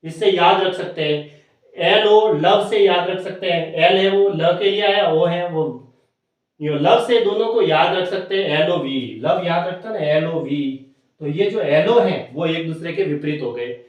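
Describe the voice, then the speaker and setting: A man's voice: high voice, a little slow, very echoey, far from the mic, dull audio. A man teaching an exam-prep lesson, explaining step by step and repeating key points.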